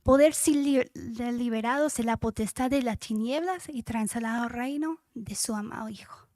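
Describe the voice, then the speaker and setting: A woman giving a devotional Bible teaching, reading scripture aloud and often dropping to a soft whisper, emotional and correcting herself as she goes. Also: fairly high pitch, moderate pace, no echo, studio quality.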